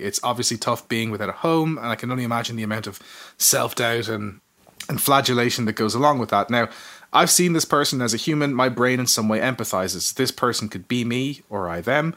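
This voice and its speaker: Fast-talking man reading an essay. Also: medium pitch, fairly bright tone. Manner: fast, earnest and self-mocking. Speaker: podcast co-host. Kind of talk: casual chat, reading an essay.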